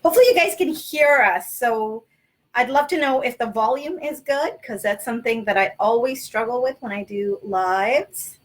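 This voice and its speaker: A Sri Lankan mother in her thirties hosts a casual livestream lesson from a small city apartment, patiently asking her young children questions. Her voice is a little high and her pace moderate.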